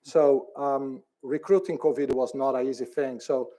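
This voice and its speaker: A middle-aged man from Brazil speaks on a conference panel in a mellow, soft-edged voice. He talks haltingly, often restarting and repeating words, and laughs easily. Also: medium pitch, steady tone. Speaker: department head on a panel.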